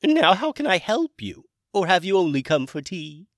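A high, airy old dragon wizard, genial and a little eccentric, chatting loudly with lively swoops in pitch. It sounds close and dry, storybook style. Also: male voice, normal speed, no room sound, full character voice.

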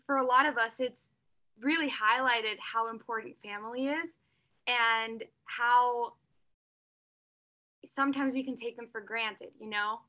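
A young woman singer-songwriter answers interview questions in an earnest, open way, often saying "like" and "you know." Her voice is on the high side, steady, bright, and forceful in tone, with a measured pace and long pauses.

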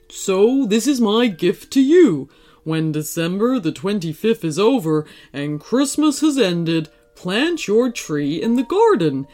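A big, cheerful old Santa Claus, as a woman reading a storybook puts him on, with a hearty, booming way of talking. He speaks slowly, and his voice moves a lot. Soft music plays underneath.

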